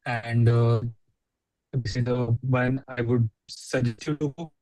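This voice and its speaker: A man speaking as a doctor on an online panel, his voice breaking up and going distant over a poor network connection. He talks in a halting way, with fillers, and the line is dry and close despite the drop-outs. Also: mid-range voice, level tone, dark tone, no room sound. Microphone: video call.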